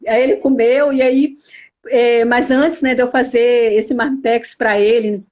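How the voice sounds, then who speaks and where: A woman's voice: a little high, fairly even intonation, unhurried, darkish tone. A woman with a Brazilian Portuguese accent from Espírito Santo, earnestly telling her religious testimony with many small fillers. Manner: earnest storytelling, filled with "né, assim". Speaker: church member giving testimony.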